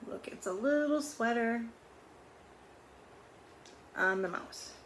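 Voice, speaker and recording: A woman reads a picture book aloud to children, chatting as she goes, explaining words and pictures and asking questions. Her voice is a little high, expressive and fairly bright, and she speaks slowly. There's a roomy echo with faint background noise.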